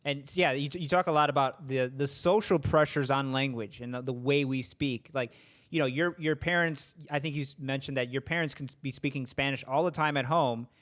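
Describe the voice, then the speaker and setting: A man's voice: mid-range voice, steady tone, brisk, a bit bright. A man hosting a podcast interview, talking in a rambling, hesitant way and repeating words. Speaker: podcast host.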